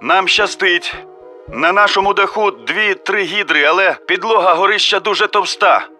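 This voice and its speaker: A man voicing a breathless man who calls in urgent news over the radio, his voice strained and high. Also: moderate pace, pushed and bright, faint music behind. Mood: tense.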